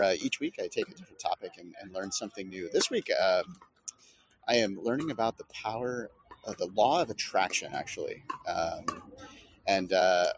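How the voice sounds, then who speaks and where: A man hosting a podcast and giving live play-by-play, talking low and hushed like a golf announcer, with lots of fillers, outdoors by a pickleball court. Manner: hushed, golf-announcer-style near-whisper, with a filler-heavy delivery. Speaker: podcast host. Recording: wind and outdoor noise.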